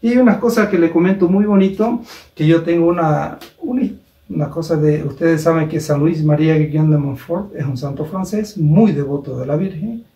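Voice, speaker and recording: A man giving a storytelling sermon at a deliberate pace, posing rhetorical questions to his listeners as he goes. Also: on the high side, dark tone, lo-fi sound. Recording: roomy echo, distant mic.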